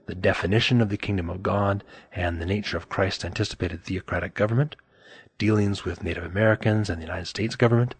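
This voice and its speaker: A man reading a scripted review aloud in a formal, scholarly, measured manner. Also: low-pitched, slightly rough, dry recording.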